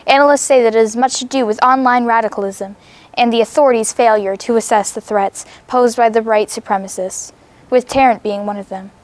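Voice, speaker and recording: A young female student co-anchors a mock newscast in a fairly high voice. She reads the script earnestly, stumbling now and then over words. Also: fairly even intonation, a little fast.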